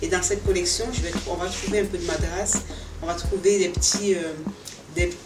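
A middle-aged woman from Cameroon talks about her work as a fashion designer, pausing often and restarting her sentences. Her voice sits a little low. It bounces around an echoey boutique, picked up from a distance with clear music playing underneath. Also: fairly even intonation. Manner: hesitant, many fillers and restarts, earnest. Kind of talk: casual interview answers. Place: indoor boutique, seated.

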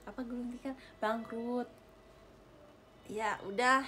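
A young adult idol livestreamer, she talks slowly in a voice on the high side with fairly even intonation, chatting casually, giggling and thanking viewers for gifts. Heavy background noise fills her small bedroom with a gaming chair, where a close webcam or phone records her.

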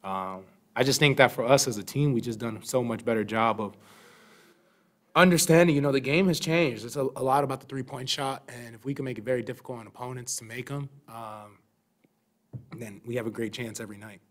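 A young man, a basketball player, answering reporters at a postgame press conference. He speaks into a desk microphone in a press room, relaxed and thoughtful, with plenty of "um"s and "you know"s. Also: medium pitch, a little fast. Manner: relaxed, thoughtful, many fillers.

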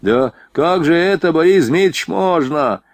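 A man's voice: on the high side, lively intonation, unhurried, dry recording, voice pushed up. A man voicing an indignant male soldier orderly who pleads with his officer.

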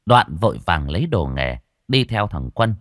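A man's voice: low voice, big pitch swings, moderate pace, fairly bright tone, no room sound, studio quality. A man narrating a ghost story in a vivid, dramatic way.

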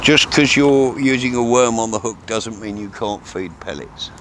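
Fishing from a grassy riverbank next to calm water, a man talks casually to his vlog camera in a mid-range voice at a moderate pace, with fillers and restarts. The setting is noisy, and the camera mic stands a few metres away as he often turns aside.

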